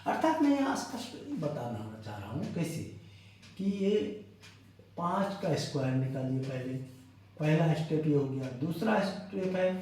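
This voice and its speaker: A man's voice: fairly high pitch, very animated, a little slow, a little mellow, slight background noise. A male math teacher talking students through sums step by step and checking in with "okay?" between steps. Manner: talks students step by step, works sums aloud. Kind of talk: classroom math lesson. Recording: very echoey room, voice far from the mic.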